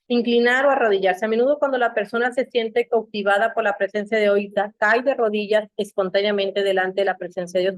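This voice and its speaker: A middle-aged woman from Mexico, teaching a church Bible class in a lively storytelling manner and acting out the voices she quotes. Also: fairly high pitch, dry recording.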